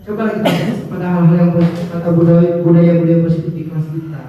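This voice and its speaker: A man's voice: fairly high pitch, steady tone, fast, noisy background. A male schoolteacher giving a conversational workshop talk to fellow teachers, addressing them directly and using frequent filler sounds. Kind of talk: workshop presentation. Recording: very echoey hall, mic far off, dull sound.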